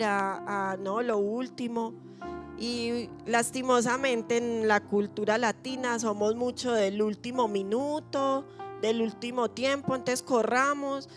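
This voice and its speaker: High-voiced woman pastor preaching. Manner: lively storyteller acting out her own quoted fears. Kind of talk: sermon with storytelling. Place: church.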